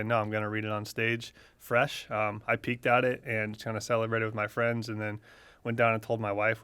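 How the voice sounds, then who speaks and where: A young adult man co-hosting a podcast, recapping events in a relaxed, easygoing way with easy laughter. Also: lowish voice, clear, resonant tone, dry recording. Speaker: podcast co-host. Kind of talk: casual podcast chat.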